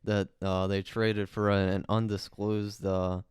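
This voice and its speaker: Low, even-voiced man talking sports. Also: a little slow, smooth, no echo, studio quality. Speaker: podcast co-host. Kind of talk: casual sports chat.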